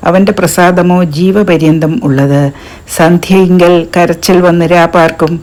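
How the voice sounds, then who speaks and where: A woman giving a slow, solemn reading of psalms as a scripture reader. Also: fairly low pitch, darkish tone.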